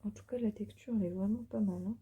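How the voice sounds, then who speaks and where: Breathy whispering woman vlogger. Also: medium pitch, steady tone, fast talker, phone-quality sound. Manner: whispering softly. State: tired. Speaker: beauty vlogger. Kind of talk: casual unboxing vlog. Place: bedroom, sitting on the floor.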